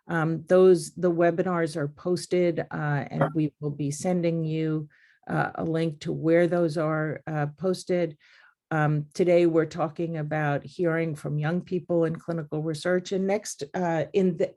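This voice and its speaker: A woman hosting a webinar, speaking in a halting way with many fillers and restarts. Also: deep voice, creaky, a little mellow. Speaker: webinar host.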